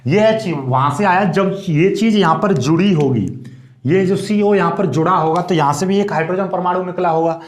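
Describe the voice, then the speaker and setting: A man's voice: high voice, normal speed, echoey room. A man teaching chemistry, explaining each step and asking questions to his students. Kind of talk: board exam lecture.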